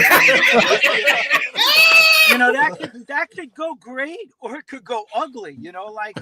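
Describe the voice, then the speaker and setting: High bright-voiced man rambling about football. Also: rough recording. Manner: rambling, many fillers and restarts. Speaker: football show panelist. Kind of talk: casual sports talk.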